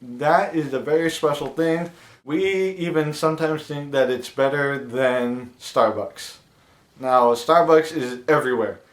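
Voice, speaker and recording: Vlogger, male, from Oregon, chatty and unhurried, echoey room. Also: a little high. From Oregon, USA. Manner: chatty, repetitive, drawn-out explanations. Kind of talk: casual vlog monologue.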